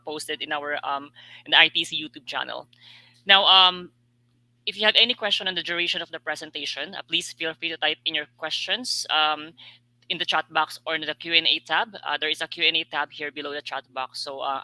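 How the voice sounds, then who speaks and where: Webinar moderator: man, very bright sharp tone, dry close sound, halting with fillers. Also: a little high, no room sound, low-quality recording. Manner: hesitant, many fillers between phrases. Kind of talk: hosting a webinar.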